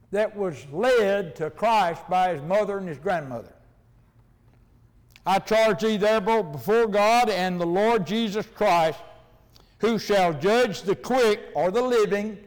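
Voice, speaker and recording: High-voiced Appalachian preacher man in a reverberant hall. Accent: Appalachian hillbilly. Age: middle-aged or older. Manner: folksy, plainspoken. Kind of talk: sermon with verse-by-verse Bible teaching.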